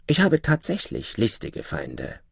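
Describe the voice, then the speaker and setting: A man's voice: a little high, huge pitch swings, a little slow, vocal fry, slightly rough, dry recording, clean studio sound, full character voice. A man voicing a proud old-tale king who speaks emphatically and gets indignant, in a storybook reading. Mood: troubled. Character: grateful proud male king, quick to anger.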